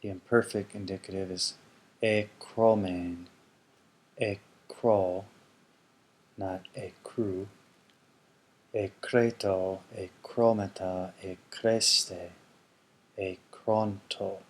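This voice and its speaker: A male teacher of ancient Greek speaks slowly in a low, fairly even voice during an explanatory grammar lesson. He carefully repeats words to model pronunciation, though he hesitates, with frequent ums and restarts.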